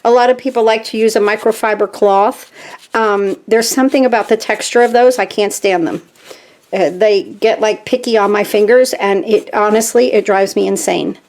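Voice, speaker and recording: A woman hosting a casual craft tutorial from her home craft room, chatting to viewers and getting excited as she works. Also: mid-range voice, normal speed. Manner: chatty and easily excited, talks to viewers while working. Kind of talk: casual step-by-step craft demonstration.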